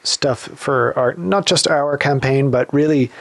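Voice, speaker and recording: A man's voice: medium pitch, unhurried, gravelly, no room sound. Regular guy hosting a gaming podcast, dry close sound, lots of ums and false starts. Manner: rambling, many ums and restarts. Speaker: podcast host and campaign games master. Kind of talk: casual podcast chat.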